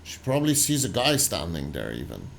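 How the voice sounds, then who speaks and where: A man hosting a reaction video, talking loosely and haltingly over footage he is watching. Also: low-pitched, wildly swooping pitch, creaky, heavy background noise. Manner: loose, halting, full of "like" and restarts. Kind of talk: casual commentary over footage.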